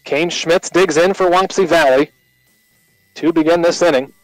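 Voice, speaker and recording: A man with an American accent calling live baseball play-by-play on the radio in short, measured announcer phrases. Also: a little high, no echo, soft background music, rough recording.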